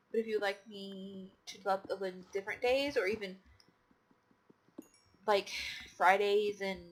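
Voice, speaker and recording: A tired woman casually commenting on her game play, rambling with many fillers and restarts. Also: medium pitch. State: tired, yawning. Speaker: gaming channel host.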